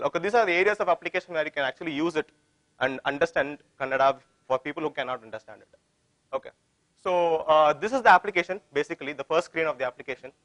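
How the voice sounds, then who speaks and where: A man's voice: a little high, fairly bright tone, no echo, poor audio. A man with an Indian accent giving an informal technical presentation, often repeating phrases and posing questions that he answers himself. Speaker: tech conference presenter.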